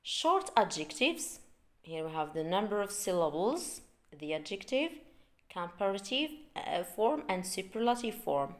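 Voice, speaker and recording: Slow-speaking woman teaching English grammar. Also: medium pitch, very animated. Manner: slow, drawn-out, repeats words for learners. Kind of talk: online English grammar lesson.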